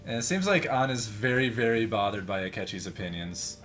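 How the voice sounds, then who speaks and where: A man's voice: fairly low pitch, brisk, a bit bright, faint music behind. A man playing through a game on a let's play, chatting in a wry, incredulous, easily amused way. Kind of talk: casual let's play banter.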